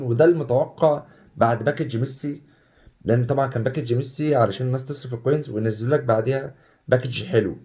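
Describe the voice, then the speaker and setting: A young Egyptian man talking casually over a game, excitable and chatty, swinging between hype and groans. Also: mid-range voice. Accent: Egyptian Arabic. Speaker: gaming YouTuber. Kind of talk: casual gameplay commentary.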